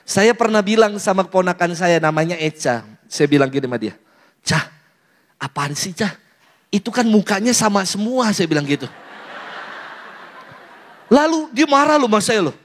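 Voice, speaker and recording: High-voiced joking priest. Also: male voice, lively intonation, normal speed, long pauses. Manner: playful, teasing, mimics youth in falsetto. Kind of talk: lively sermon to a parish audience.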